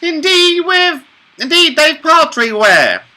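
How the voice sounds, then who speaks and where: A man voicing haughty, bawdy ladies of a Restoration stage farce in a stumbling cold read, drawn-out, theatrical and lewdly grandiose. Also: extremely high pitch, sing-song, bright, forceful tone, pitched above the performer's own voice, heavily acted. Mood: haughty complaint. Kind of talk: stumbling cold read of verse play, in character.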